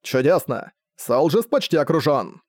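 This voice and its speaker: A man's voice: a little high, very animated, unhurried, no room sound. A man voicing a cunning, flippant young prince who speaks in an offhand, wry way, in an audiobook.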